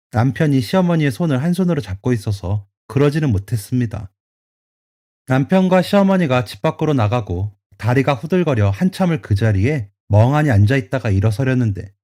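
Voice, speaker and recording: A man narrates a first-person story for a storytelling radio drama. His reading is calm and even-paced, at a medium pitch for a man.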